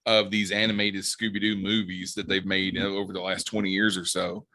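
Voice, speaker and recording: A man's voice: deep voice, level tone, brisk, bright, forceful tone, no room sound. A man co-hosting a casual chat, adding short remarks and asides. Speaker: podcast co-host.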